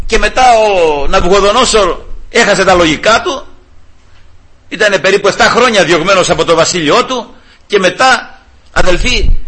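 A man preaching an informal sermon, retelling a Bible story in lively fashion, acting out the quoted voices and often addressing his listeners as brothers. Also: sits high, poor audio. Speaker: lay preacher.

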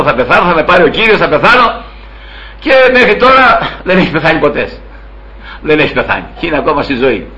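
A man with a high, bright voice preaching earnestly to his congregation. He calls them brothers again and again and lifts his voice to act out the people he quotes. His tone is clear and forceful. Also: muffled recording. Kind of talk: sermon.

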